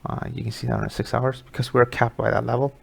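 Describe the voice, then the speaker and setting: A man's voice: medium pitch, flat delivery, fast, creaky. A middle-aged man from Sweden hosting a live market webinar, talking casually through charts with many fillers.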